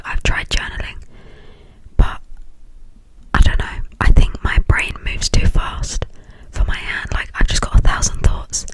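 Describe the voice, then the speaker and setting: Young adult, hushed breathy whisper, ASMR ramble, informal, hesitant, from the United Kingdom. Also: low-quality recording. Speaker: ASMR video creator.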